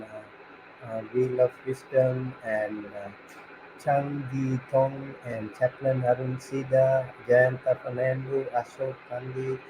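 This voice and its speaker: A man hosting an online Buddhist session, speaking unscripted and courteously, with very frequent hesitations. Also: medium pitch. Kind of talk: unscripted, courteous closing remarks. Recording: hissy, clearly noisy background.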